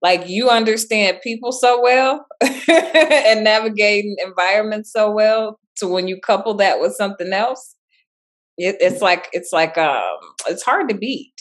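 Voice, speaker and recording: In a relaxed interview, a school principal from Chicago's South Side, aged somewhere in her thirties or forties, talks in a mid-range voice with lively intonation. She takes her time, stays upbeat, and laughs readily.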